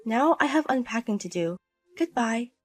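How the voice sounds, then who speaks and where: A woman with a fairly high voice, acting out a scripted drama with a cold, cutting and dismissive manner. Soft music plays under her lines. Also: expressive, normal speed, no room sound. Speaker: narrator and wife in a voiced story.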